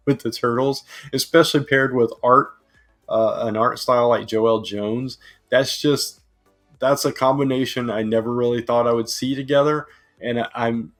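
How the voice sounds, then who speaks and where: A man hosting a casual comic book review, eager and chatty, with lots of fillers and restarts, his voice a bit hoarse. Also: mid-range voice. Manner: enthusiastic, with many fillers and restarts. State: slightly hoarse.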